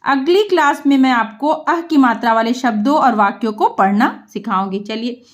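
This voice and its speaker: A woman's voice: a little high, animated, moderate pace. A woman teaching a reading lesson, reading a story word by word and stopping to repeat and correct each sound. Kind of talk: slow, careful reading lesson.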